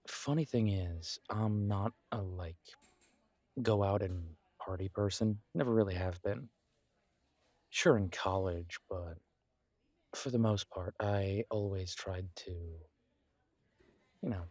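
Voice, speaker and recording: With a deep voice in a dry recording, a man takes the part of a warm, comforting homebody best friend in an intimate one-sided roleplay. He speaks casually, haltingly, offering gentle encouragement.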